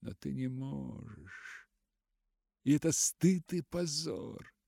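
A man's voice: mid-range voice, animated, slow, vocal fry, warm tone, dry recording, studio quality, heavily acted. A male audiobook narrator voicing a brooding young man who mutters bitterly to himself. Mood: self-reproaching. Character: brooding young man, sailor turned writer. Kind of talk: literary audiobook reading.

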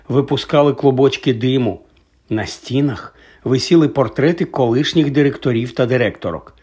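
A man narrating a fantasy audiobook in a measured, even storytelling manner. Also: medium pitch, breathy edge. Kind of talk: scripted narration.

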